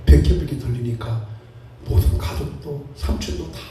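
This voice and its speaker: A man's voice: mid-range voice, moderate pace, mellow, slight background noise. A male pastor delivering a sermon, telling stories animatedly and acting out the characters. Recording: very echoey hall, heard from a distance.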